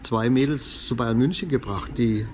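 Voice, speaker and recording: A man's voice: medium pitch, moderate pace, darkish tone, slight background noise. A man leading a street football project, speaking casually with tag questions. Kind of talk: casual interview.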